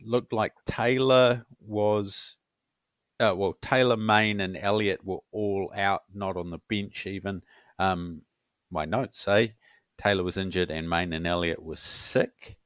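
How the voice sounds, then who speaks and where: A man co-hosting a casual football podcast, talking in a relaxed, meandering way with fillers. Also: deep voice, slow pace, dry recording, clean studio sound. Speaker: podcast co-host. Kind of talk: casual sports podcast chat.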